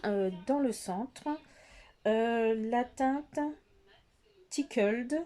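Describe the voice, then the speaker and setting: A middle-aged woman beauty vlogger with a soft, mellow tone, filming herself at home close to the camera. She chats loosely while testing makeup, pausing on fillers and turning often to address her viewers directly. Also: fairly high pitch. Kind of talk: casual makeup tutorial chat.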